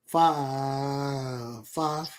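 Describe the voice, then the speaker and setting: A man's voice: mid-range voice, fairly even intonation, drawn-out words. A man, rambling and boasting in casual podcast chat. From Georgia, USA. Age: 30s. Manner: laid-back, boastful, rambling with repeats. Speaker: podcast host.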